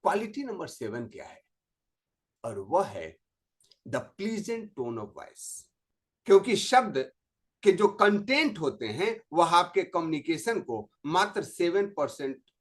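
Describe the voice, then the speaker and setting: Male motivational teacher, middle-aged, slightly high voice, deliberate emphatic pacing. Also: a bit bright. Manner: slow, emphatic delivery, stressing words for demonstration. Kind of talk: spoken lesson on communication.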